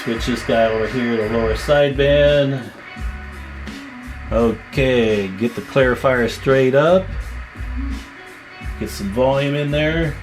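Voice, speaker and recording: A radio repair technician and video host gives a casual, hands-on demo at an indoor test bench, informal and folksy as he thinks aloud. His mid-range voice moves slowly with frequent pauses, and music plays in the background.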